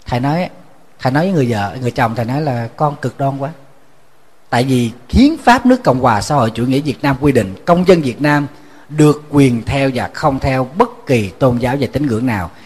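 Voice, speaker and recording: A man, a Buddhist monk, giving a sermon as a lively storyteller who repeats words when he restarts. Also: slightly rough. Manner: storytelling, acting out quoted voices with rising pitch.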